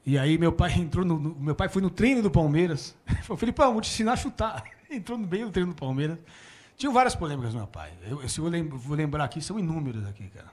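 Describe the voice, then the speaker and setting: Brazilian man in his forties, high and very lively voice, chatty talk-show guest telling stories. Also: fast. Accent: Brazilian Portuguese. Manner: animated, laughs often, quotes his father. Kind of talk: casual storytelling. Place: small room before a small audience.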